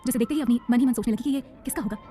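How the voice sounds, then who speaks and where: Rapid dramatic woman audiobook narrator. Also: a little high, dark tone, soft background music.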